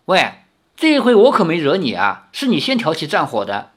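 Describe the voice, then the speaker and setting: Man doing sarcastic young rascal, lively. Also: a little high, brisk, husky, pitched above the performer's own voice, exaggerated voice. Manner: teasing, sarcastic. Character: cheeky young man, sharp-tongued rascal.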